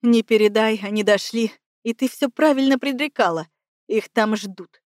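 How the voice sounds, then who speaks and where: A woman voicing a smug, cynical young man who talks in a mocking, unhurried drawl, lower than her own voice. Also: no echo, clean studio sound, natural voice.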